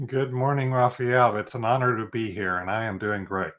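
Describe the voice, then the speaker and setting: A middle-aged man talks as a guest in a casual interview. His voice sits fairly low, and he speaks in an earnest, reflective way with plenty of fillers. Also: flat delivery, moderate pace, a bit bright. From Texas. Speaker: guest, life coach.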